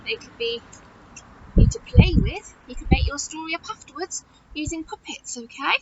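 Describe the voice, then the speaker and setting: The audio is very noisy, with the highs cut off, as a high-voiced woman reads a children's story at a moderate pace. Like a nursery teacher, she is animated and exaggerated and keeps putting questions straight to her young listeners.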